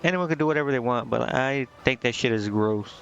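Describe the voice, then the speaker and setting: Livestreaming a game, this man reads out text and reacts casually in slang between the lines. His mid-range voice is creaky and a little fast, with dull audio and faint music in the background.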